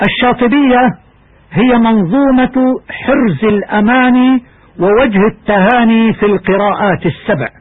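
A man teaching Quranic recitation in a scripted radio lesson, explaining rules in a measured way and chanting examples slowly. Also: very high voice. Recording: tinny narrow-band radio recording.

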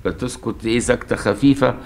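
A middle-aged man with an Egyptian accent teaching a religious lesson. He explains step by step, often checks whether listeners have understood, and recites quoted verses slowly and deliberately. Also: medium pitch. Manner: checks understanding with rhetorical questions.

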